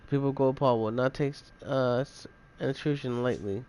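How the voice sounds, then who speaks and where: A man voicing a pompous, scheming master of a gambling town in a video game, haughty and halting. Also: medium pitch, darkish tone, a little hiss or hum, lightly acted. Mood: indignant, defensive.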